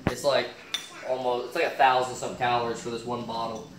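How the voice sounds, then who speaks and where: In a casual cooking demo, a young adult fitness vlogger thinks aloud through his meal prep at home, filler words everywhere. His medium-pitched voice has little pitch movement and runs fast. The kitchen echoes and the far camera mic on its stand adds noise.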